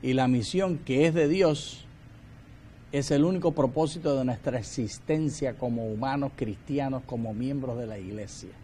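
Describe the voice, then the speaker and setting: A man's voice: mid-range voice, moderate pace, mellow, a little hiss or hum. A man co-presenting a Bible study, speaking fervently and devotionally and reading scripture aloud.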